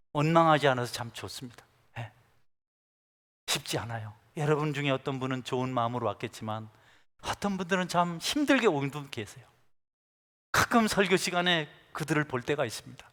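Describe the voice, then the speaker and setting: A male pastor preaching a sermon, moving between hushed, intimate asides and loud, emphatic passages. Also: mid-range voice. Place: large church sanctuary. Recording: church service with long hall reverb.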